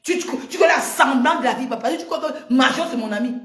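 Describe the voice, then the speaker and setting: A woman with a high voice rants heatedly on a livestream, confronting someone and hammering the same points again and again. Her voice rings around a roomy, echoey space. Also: fast, a bit bright. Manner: heated, confrontational, repeats herself. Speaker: live streamer. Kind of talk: livestream rant. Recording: echoey room.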